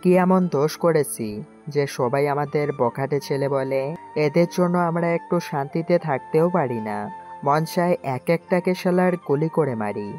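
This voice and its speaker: A woman's voice: deep voice, normal speed, a little mellow, soft background music, lightly acted. A woman voicing a quarrelsome young male university tough in an audio story drama, talking bluntly. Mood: resentful.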